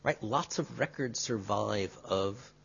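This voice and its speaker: A male history professor answering an audience question in a measured, qualifying way, often adding tag questions. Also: fairly low pitch, gravelly, fairly bright tone, husky. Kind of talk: academic lecture Q&A. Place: lecture room. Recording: dull lo-fi lecture recording.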